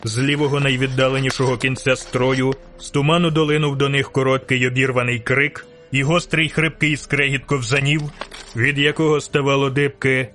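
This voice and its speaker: A man narrating an audiobook in a slow, deliberate storytelling manner. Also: medium pitch, fairly bright tone. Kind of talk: scripted narration.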